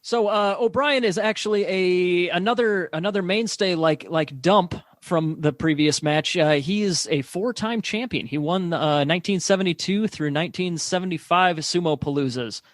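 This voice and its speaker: Guy doing fake play-by-play, lots of uhs, deadpan, pretty high voice. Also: normal speed, few pauses, no echo, clean studio sound. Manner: hesitant, filler-heavy, deadpan. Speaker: play-by-play announcer. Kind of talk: mock sports commentary.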